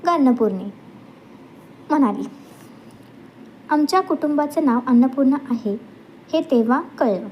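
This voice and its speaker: A woman's voice: high voice, animated, measured pace, long pauses, highs cut off, a little hiss or hum. A woman reading a humorous novel aloud as an audiobook, telling the story expressively and acting out the voices of quoted relatives. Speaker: reader of a novel.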